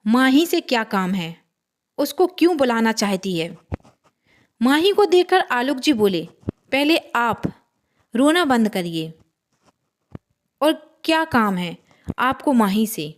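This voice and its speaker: A woman narrating a horror story in Hindi storytelling style, steady and dramatic. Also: on the high side.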